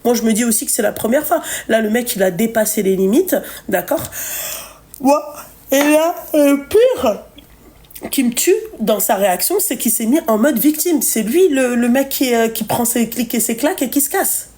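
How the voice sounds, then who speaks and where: A woman's voice: fairly high pitch, expressive, normal speed, mellow. A woman hosts a live stream, giving blunt relationship advice in casual chat, swearing freely and full of fillers. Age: 30s.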